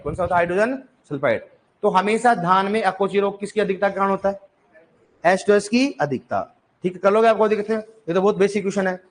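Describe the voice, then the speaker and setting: A male agriculture teacher lecturing a classroom in with a tinge, quizzing students and repeating key answers, joking now and then. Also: high-pitched.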